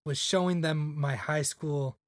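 A young adult guest on a podcast keeps up a casual, rambling chat studded with "like" fillers. He speaks at a measured pace in a steady, somewhat high voice, with clean studio sound and no room sound.

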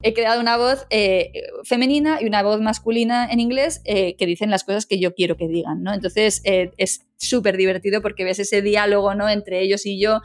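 A woman's voice: medium pitch, steady tone, normal speed, few pauses, no echo. A middle-aged woman, a legal English teacher, chatting casually as an interview guest, full of fillers and tag questions.

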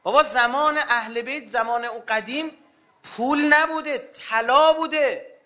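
A man preaching a fervent religious sermon to a gathering, swinging between loud outbursts and hushed low passages. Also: dull audio.

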